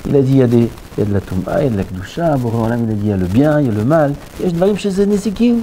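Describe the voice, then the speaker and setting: A man preaches a Torah sermon, dropping to hushed near-whispers and then rising into lively bursts. His voice is dark and mellow, at a middle pitch. A faint hum of noise sits behind it. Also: racing. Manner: mixes Hebrew terms into French. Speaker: rabbi giving a Torah talk.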